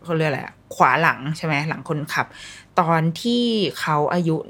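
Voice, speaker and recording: In a relaxed storytelling chat, a mother passes on parenting advice through her own stories. Her voice is low and a bit bright at a moderate pace, her style blunt and colloquial, and she acts out the voices she quotes.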